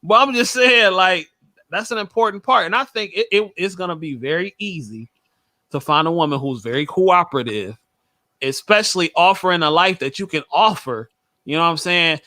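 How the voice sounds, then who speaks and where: Bright-voiced man in his thirties, emphatic. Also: high-pitched, normal speed, dry recording. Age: 30s. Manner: emphatic, laughing, blunt advice-giving. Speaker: podcast host. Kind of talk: casual panel chat.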